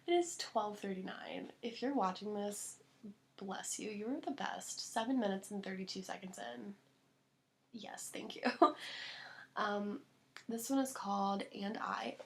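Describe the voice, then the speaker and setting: A young woman chatting to her camera at home in a gushing, rambling way, full of filler words and bursts of laughter. She sounds a little out of breath and talks in a relaxed, personal way. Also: mid-range voice, a little slow, gravelly. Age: young adult. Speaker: vlogger. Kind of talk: casual chat to camera. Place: at home, indoors.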